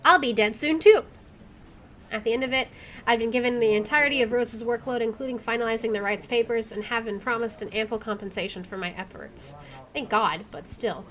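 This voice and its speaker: Slightly high, a little fast, and fairly bright, her voice carries playful, wisecracking commentary on a video game playthrough. She also reads the game's text aloud.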